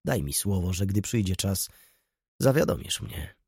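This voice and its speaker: A man reading an audiobook, voicing an old, dreamy and loyal male shop clerk who speaks gently and probingly. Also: deep voice, animated, measured pace, husky, no room sound, clean studio sound, exaggerated voice. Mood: wistful.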